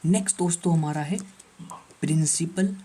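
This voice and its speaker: A male teacher lectures on vocabulary for exam preparation, going back over each word several times. His voice is mellow and a little husky. He keeps checking in with the class through rhetorical questions. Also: fairly high pitch, normal speed. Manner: repeats words and asks the class rhetorical questions. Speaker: English teacher for exam prep.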